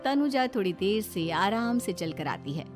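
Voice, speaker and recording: A woman narrating a family cartoon story in a steady, expressive storybook style. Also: medium pitch, measured pace, soft background music.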